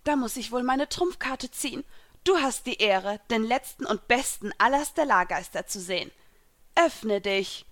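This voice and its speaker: A woman's voice: a little high, expressive, measured pace, fairly bright tone, no echo, studio quality. A woman reading aloud, voicing a scheming young female mage who taunts her opponent. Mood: taunting. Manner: taunting, smug.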